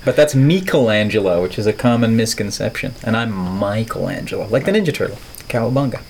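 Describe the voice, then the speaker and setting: An artist and filmmaker from the Netherlands, a middle-aged man with a neutral American accent, is interviewed on a podcast. His lowish, slightly mellow voice has lively intonation and a fairly quick pace, with a bit of hiss or hum. He muses reflectively and playfully in wordy turns of phrase.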